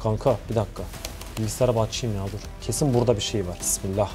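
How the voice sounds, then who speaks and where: Jumpy, fast-talking young man. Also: lowish voice, steady tone, darkish tone, faint music behind. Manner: jumpy, taunting and scared, swearing. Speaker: vlogger host. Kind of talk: horror prank vlog. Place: empty building corridors.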